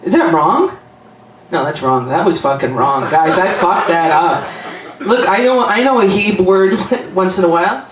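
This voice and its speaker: A woman's voice: lowish voice, lively intonation, moderate pace. A woman with a Canadian accent doing a profane stand-up set with crowd work in a comedy club. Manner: brash, profane, chatty, laughing at own jokes. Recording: echoey club, mic heard from far, loud crowd.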